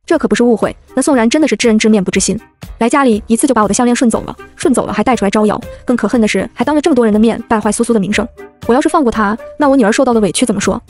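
A woman voicing a naive wealthy mother in an audiobook, indignant and accusing. The read is brisk and fairly high, with soft music underneath. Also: lightly acted.

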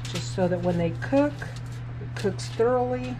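With a slightly high, animated voice at a measured pace, a home cook vlogger chats her way step by step through a recipe. She's cooking in her home kitchen and filming on a handheld phone, with background noise present. It's a casual cooking demonstration.

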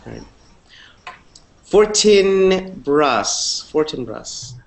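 A man's voice: on the high side, sing-song, extremely slow, vocal fry. A man in his thirties teaching an online English class over video call, upbeat and repeating short phrases. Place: indoor room, video call. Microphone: earphone headset mic.

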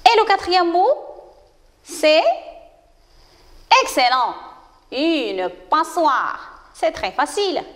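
A woman teaching a children's reading lesson, speaking slowly and clearly and praising her pupils often. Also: very high-pitched, expressive, big-room sound. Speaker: primary school teacher.

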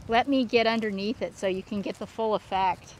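A woman hosting a casual walk-through vlog, talking in an excited, gushing, exclamatory way. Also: mid-range voice, brisk, low-quality recording. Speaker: landscape designer hosting a plant tour. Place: outdoors at a plant nursery. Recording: outdoor ambient and vehicle noise.

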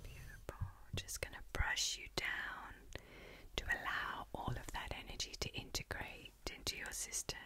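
Indoors, close in front of a hanging tapestry, a middle-aged woman whispers softly and breathily into a very close desktop condenser mic. An ASMR tarot reader and energy healer, she gives a soothing, mystical fortune-teller style reading with long pauses.

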